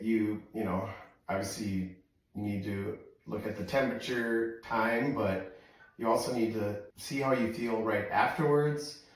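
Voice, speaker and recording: Echoey, distant American man sitting in icy water. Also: fairly low pitch. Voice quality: frequent "you know" filler, halting phrasing. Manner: talking while sitting in ice cold water. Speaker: vlogger doing a cold plunge challenge. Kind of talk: casual vlog chat, rambling advice. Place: outdoor deck, in a cold plunge tub.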